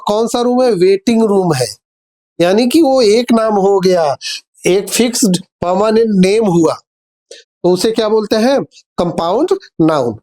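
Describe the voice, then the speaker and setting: A man with a high, darkish voice gives an English grammar lesson in classroom style. He patiently explains, answers the questions he himself raises, and speaks to his viewers as dear children, reading English example sentences slowly and with care.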